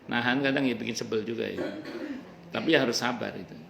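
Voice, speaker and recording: A man's voice: mid-range voice, fairly quick, gravelly, a crowd in the background. A male religious teacher giving a casual, joking study talk at a home gathering, sometimes reciting Arabic verses. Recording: roomy home recording with faint ambience.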